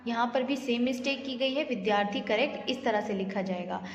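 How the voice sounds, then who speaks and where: Woman teacher, asks and answers her own questions, long room reverb, slightly high pitch. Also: fairly quick. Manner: asks questions then answers them, mixing in English words. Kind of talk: Hindi grammar lesson. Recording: echoey room, slightly dull audio.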